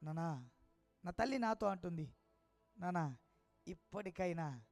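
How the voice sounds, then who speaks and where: A man with a strikingly high voice pours out a testimony sermon, rising into loud impassioned cries and dropping to hushed tones. The recording is dry and close. Soft music plays underneath. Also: a little fast, dry recording. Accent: Telugu. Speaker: preacher giving testimony.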